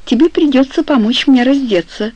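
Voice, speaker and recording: A woman's voice: sits high, normal speed, a little mellow, dry recording, highs cut off, pitched above the performer's own voice. Woman doing a nervous loving wife, hesitant and eager, dry close mic. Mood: anxious. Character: anxious loving young wife.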